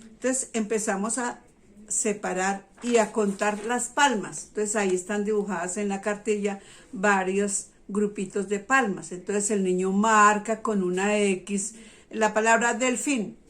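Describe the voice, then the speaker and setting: A woman's voice: medium pitch, fairly even intonation, a little slow. Patient woman teacher explaining to parents. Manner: patient, checks in with listeners often.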